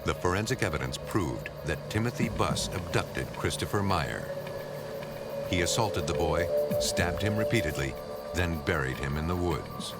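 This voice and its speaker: A man giving grave, measured scripted narration for a crime documentary. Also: sits low, lively intonation. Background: music.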